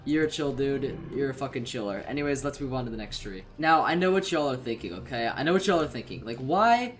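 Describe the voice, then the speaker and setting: A man's voice: medium pitch, animated, brisk, soft background music. A man giving a casual, rambling game-ranking commentary, full of fillers and swearing, in a playful tone. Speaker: gaming YouTuber.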